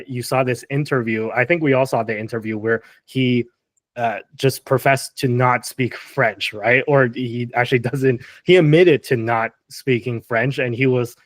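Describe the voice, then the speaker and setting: A man's voice: medium pitch, dry recording. Rambling man, dry close sound. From Canada. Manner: rambling, many fillers and restarts. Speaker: podcast co-host. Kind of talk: casual political chat.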